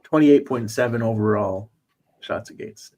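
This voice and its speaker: A man hosts a casual betting chat. His pitch sits in the middle range and his delivery is upbeat. He reads through stats with plenty of ums and uhs. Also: normal speed, darkish tone. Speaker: stream host.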